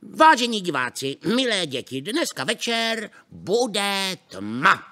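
Bright, excitable little puppet boy. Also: high-pitched, heavily acted. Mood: self-important. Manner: self-important, childlike, eager repetitions. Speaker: puppet character on a children's show. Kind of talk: children's TV puppet performance.

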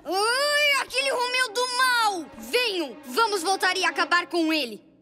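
A woman's voice: extremely high pitch, animated, measured pace, music in the background. A Brazilian woman voicing a brave, impatient boy cat superhero in a cartoon, eager and urgent. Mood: indignant. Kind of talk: animated cartoon acting. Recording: loud cartoon score behind voice.

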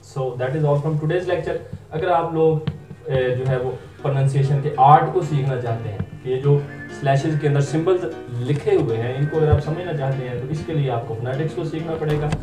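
Male pronunciation teacher, slow repeated model words, mic set back in a roomy space. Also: on the high side, music in the background. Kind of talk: video lesson. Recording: echoey room, distant mic, faint noise.

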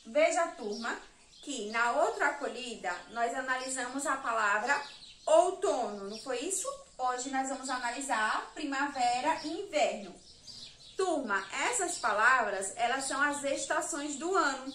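With a high, animated, slightly bright voice and an unhurried pace, a primary school teacher with a Sergipe Brazilian Portuguese accent gives a remote lesson to young children, patiently counting and spelling words aloud. The room is echoey, she's a bit far from the mic, and there's slight background noise.

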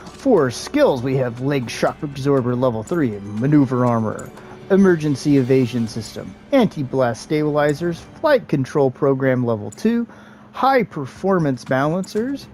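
A medium-pitched man hosts his gaming channel, offering relaxed, casual commentary on his gameplay with joking asides and the occasional filler pause.

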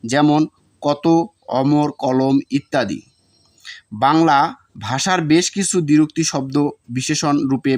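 Male tutor, slightly high register, reads study notes, repeats words for pronunciation. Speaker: teacher. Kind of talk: reading exam notes aloud.

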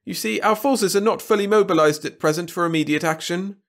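A man's voice: high voice, fairly quick, fairly bright tone, pitched above the performer's own voice. Man putting on a whining alien war lord. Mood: pleading. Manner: whining, pleading.

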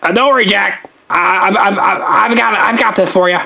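A woman's voice: mid-range voice, steady tone, normal speed, vocal fry, pushed and bright. A woman voicing a timid, fussy male snowman toy who stammers nervously in a toy play video. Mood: eager.

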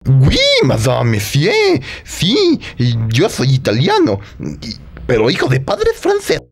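A performer voicing a playful, excitable male puppet who hosts a children's show, in a theatrical, exclamatory way. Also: mid-range voice, moderate pace, breathy edge, exaggerated voice. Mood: pompous, bumbling. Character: lively mustached male puppet, playful, pleading show host. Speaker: children's religious show host.

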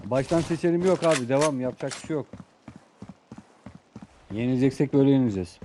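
A young man commentating a team shooter game live, excitedly urging and ordering his teammates. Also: mid-range voice, fast, background noise. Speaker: gaming YouTuber. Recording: gunfire from the game behind the voice.

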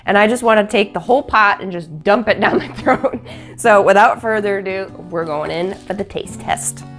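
A woman's voice: medium pitch, normal speed, fairly bright tone. A young woman with a congested, honking nasal voice and sore throat, chattily and playfully hosting a casual recipe tutorial. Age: young adult. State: stuffed nose and sore throat. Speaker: cooking video host. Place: home kitchen, indoors. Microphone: lapel mic. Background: music.

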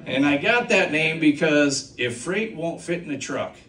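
His fairly high pitch stays expressive and unhurried as the middle-aged comedian works through a trucking set, full of stories, sound effects and remarks to the crowd. The handheld mic is filmed from the audience in a small, echoey club, heard from far off as people laugh.

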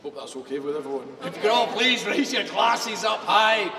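A man's voice: sits high, expressive, normal speed. A man with a Scottish accent leads a group toast as master of ceremonies, projecting ceremonially to a dinner crowd. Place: large museum hall, indoors, live event. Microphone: stand microphone through PA, heard by a far camera. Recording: distant echoey hall with clear noise.

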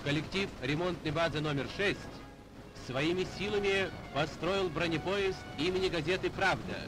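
A man's voice: a little high, moderate pace, over music, rough recording. A man giving formal, declamatory narration in the manner of an old wartime newsreel.

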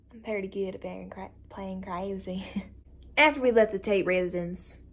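A woman voicing a callous young female cult member who brags coldly about violence, reading a dramatic script. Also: mid-range voice. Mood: boastful. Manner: boastful, coldly matter-of-fact with bursts of excitement.

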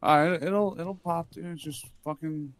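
A man joining friends in an online game over a headset, relaxed and reassuring and swearing casually. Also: on the high side, moderate pace. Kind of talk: casual gaming chat with friends.

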